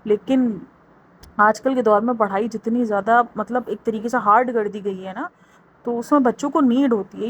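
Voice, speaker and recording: A woman's voice: fairly high pitch, dull audio. A young woman vlogger giving mocking, chatty commentary as she reviews a family's videos. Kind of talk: casual gossip commentary.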